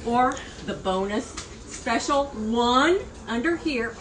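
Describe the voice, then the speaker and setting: A high-pitched woman runs a kids' game with an unhurried, bright delivery. She draws out her words like a game-show announcer. Faint noise sits behind her. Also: lively intonation.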